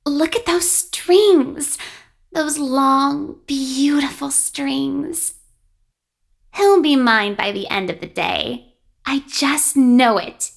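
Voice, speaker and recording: A woman voicing a lovesick, obsessive, girlish animatronic in a video game, with breathy, dreamy swooning. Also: high-pitched, very slow, heavily acted. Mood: scheming infatuation. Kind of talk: video game character acting.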